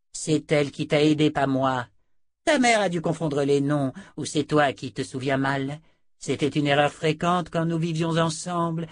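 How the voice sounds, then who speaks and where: A woman's voice: sits low, no room sound, pitched above the performer's own voice. A man reading aloud, voicing a curt and hostile sorceress in an audiobook. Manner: curt, scornful. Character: cold, scornful sorceress woman, curt and hostile.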